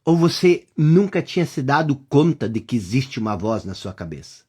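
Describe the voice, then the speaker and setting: A course teacher with a Brazilian accent leads a reflective lesson in a husky, medium-pitched voice that is very animated and moves at a normal speed. Speaking directly to the listener, the teacher keeps repeating rhetorical questions and at times drops to a hush.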